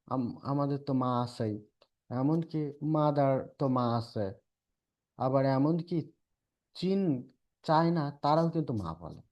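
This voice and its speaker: A man from Bangladesh with a Bangladeshi Bengali accent, giving a recorded lecture as an English teacher. He explains in Bengali mixed with English terms and slows down for the English quotations. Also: on the high side, a little mellow.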